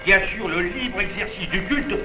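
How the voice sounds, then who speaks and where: Actor as high-voiced pedantic village official. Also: male voice, normal speed, lightly acted. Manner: formal, emphatic. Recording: roomy 1940s film soundtrack with music.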